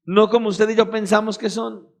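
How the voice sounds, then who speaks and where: A man's voice: sits high, little pitch movement, normal speed. A man with a Colombian accent preaching a sermon in a church hall, emphatic, with rhetorical questions and repeated phrases. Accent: Colombian Spanish. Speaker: pastor.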